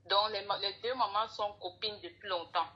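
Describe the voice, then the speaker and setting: A woman's voice: medium pitch, steady tone, normal speed, dull audio. A woman calling in to ask for advice, hesitant and restarting often. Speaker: caller. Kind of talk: asking advice on a call-in show.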